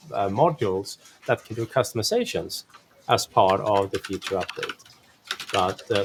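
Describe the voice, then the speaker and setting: A man giving a casual, informal technical explanation on a live stream. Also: fairly low pitch. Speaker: tech presenter on a live stream. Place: live stream during a thunderstorm. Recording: clearly noisy live-stream connection.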